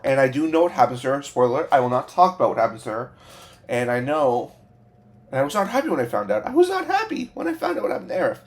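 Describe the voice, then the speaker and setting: A man hosting a reaction video as an excited fan, babbling with overexcitement, gushing and repeating himself. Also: medium pitch.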